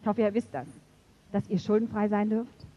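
A middle-aged woman preaching a sermon in an animated storytelling way, acting out the voices she quotes. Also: medium pitch, moderate pace. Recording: dull lo-fi recording.

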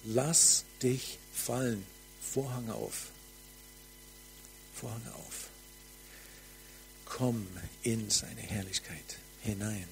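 Slow fervent male preacher, faint hum. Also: fairly low pitch, gravelly, poor audio. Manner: slow, fervent, drops to soft near-whispers. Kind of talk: charismatic sermon with prophetic ministry.

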